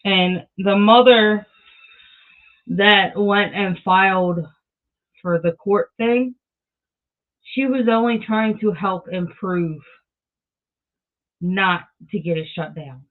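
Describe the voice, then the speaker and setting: A man with a notably high voice gives casual commentary as a video host. He speaks at an unhurried pace, and the sound is thin and phone-like.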